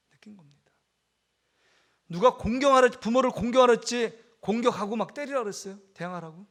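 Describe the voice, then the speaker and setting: A man's voice: extremely high pitch, a bit bright. A man preaching a Sunday sermon as pastor, earnestly telling a story, acting out the voices and leading the congregation in reading aloud. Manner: earnest preaching, acts out quoted dialogue, leads congregation in reading. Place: church sanctuary.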